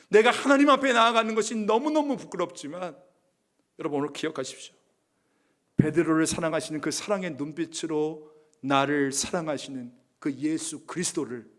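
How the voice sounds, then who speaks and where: A male pastor delivering a dramatic sermon in a church sanctuary. His voice sits somewhat high and swings between hushed, near-whispered passages and loud, emphatic appeals to the congregation.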